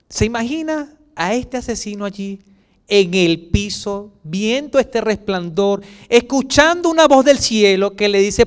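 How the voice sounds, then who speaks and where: Animated high-voiced preacher, Chilean accent. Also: male voice, clear, resonant tone. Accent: Chilean Spanish. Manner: dramatic preaching with sudden loud and soft swings; acts out quoted voices. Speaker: pastor. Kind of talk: sermon.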